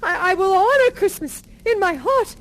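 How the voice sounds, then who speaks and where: A woman voicing Scrooge, a remorseful old miser, in a loud, dramatic storytelling voice. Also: very high-pitched, expressive, moderate pace, pitched above the performer's own voice. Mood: pleading. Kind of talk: theatrical storytelling to children.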